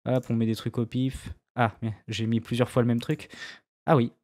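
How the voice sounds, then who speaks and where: A man's voice: mid-range voice, flat delivery, normal speed, a little mellow. A man giving a casual, slangy gaming tutorial, talking loosely with self-mocking asides. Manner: loose, slangy, with many fillers and restarts. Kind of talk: casual screen-recorded tutorial.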